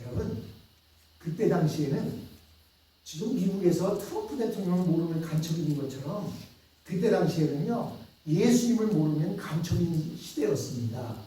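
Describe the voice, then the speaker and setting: A man's voice: a little high, animated, moderate pace, warm tone. A male pastor with a Chungcheong Korean accent preaching a Sunday sermon in storytelling style, asking the congregation questions. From Chungcheong, South Korea. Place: church sanctuary. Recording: echoey church hall from far off.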